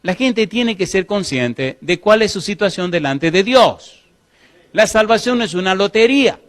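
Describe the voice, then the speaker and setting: A man preaching a sermon as pastor, asking the congregation questions and slowing to read scripture aloud. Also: high voice, lively intonation, a bit bright.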